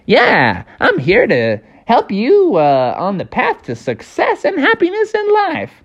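A woman's voice: fairly high pitch, huge pitch swings, measured pace, muffled recording, voice pushed up, full character voice. A woman voicing a cheerful, earnest little male cricket who hands out advice in a children's story. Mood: chipper earnest. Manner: earnest, preachy.

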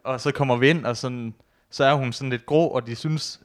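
A man's voice: mid-range voice, fairly even intonation. Young Danish-speaking man, casual joking. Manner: loose and joking, swears casually. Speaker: podcast co-host, new father. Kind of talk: casual podcast banter.

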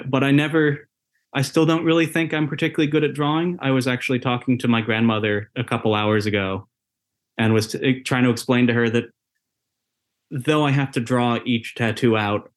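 A man from Massachusetts in his thirties, a tattoo artist answering interview questions thoughtfully with fillers. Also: medium pitch. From USA, Massachusetts.

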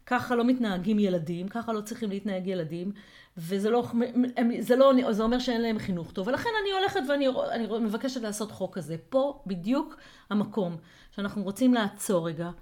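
A woman's voice: medium pitch, lively intonation, a little mellow. A woman co-hosting a casual podcast discussion, reflective and full of hesitations and worked examples. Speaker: co-host.

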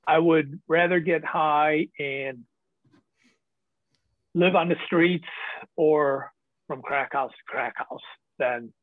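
A man's voice: a little high, slow pace, pauses often, dry recording. Man telling stories over a tinny line. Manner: candid, laughs often, many fillers. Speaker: podcast guest. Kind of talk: casual storytelling. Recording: tinny phone-like line, dry.

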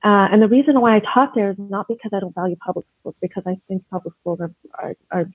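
A Canadian woman, an educator appearing as a guest in a conversational interview, discusses her work earnestly and thoughtfully, frequently starting sentences over. Her husky, medium-pitched voice moves at a quick pace and comes through a thin, phone-like line. The audio is dry, without any room echo.

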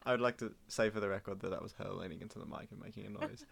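Dry-witted young man with a gravelly voice. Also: lowish voice, rapid-fire, slight background noise. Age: early 20s. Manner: dry, teasing banter. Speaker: podcast co-host. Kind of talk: casual chat.

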